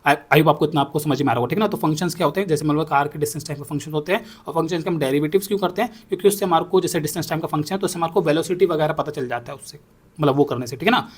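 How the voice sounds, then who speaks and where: A man's voice: on the high side, very fast, husky. A young man teaching a maths class, explaining step by step and checking in often with his students. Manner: repeats himself, checks in with "ठीक है ना". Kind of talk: explaining on a whiteboard.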